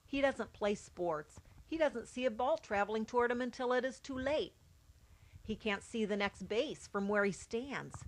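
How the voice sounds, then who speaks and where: Mother reading a steady personal account. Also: mid-range voice. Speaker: mother of a child with albinism. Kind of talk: read-aloud personal account.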